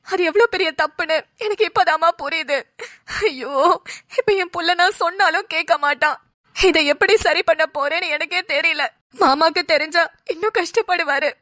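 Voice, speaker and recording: A woman voicing a dramatic, self-pitying mother-in-law who laments loudly, in cartoon voice acting. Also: very high voice, dry recording, studio quality. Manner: lamenting, wailing.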